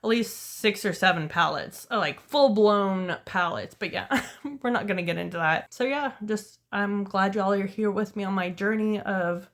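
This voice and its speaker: A woman's voice: mid-range voice, moderate pace. A young woman, talking candidly to camera in a casual storytime vlog, tired and losing her voice. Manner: candid, rambling, self-deprecating. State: tired, voice going hoarse. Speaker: vlogger.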